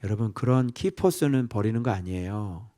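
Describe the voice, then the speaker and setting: A man with a lowish voice, speaking at a normal speed, preaches a sermon as a pastor. He is animated, quizzes the congregation with questions, and now and then drops into whispered asides.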